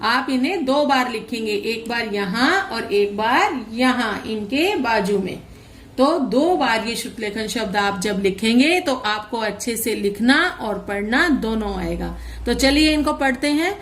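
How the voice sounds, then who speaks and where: A woman teacher records a lesson for young children, talking slowly and patiently. She breaks words down sound by sound and says each one clearly for her pupils. Her voice sits a little on the high side. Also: lively intonation, a bit bright, a little hiss or hum. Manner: slow, careful, spells out syllables for children. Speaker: school teacher. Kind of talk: online class lesson, reading aloud slowly.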